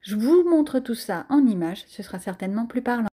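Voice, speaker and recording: A woman's voice: a little high, expressive, a little fast. A French-accented woman chatting casually through a crafting tutorial, self-deprecating and full of fillers. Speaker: crafting vlogger.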